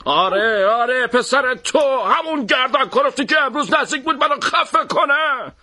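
A man voicing a hot-tempered, bullying male shopkeeper in an audiobook, with a shouting, threatening delivery. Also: sits high, sing-song, voice pushed up, full character voice. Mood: furious, threatening. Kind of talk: audiobook character voice.

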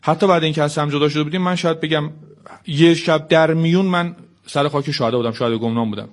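A man earnestly telling a counselor his side of his marriage story. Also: a little high. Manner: earnest, insists he is serious. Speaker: guest on a counseling show. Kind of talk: personal account.

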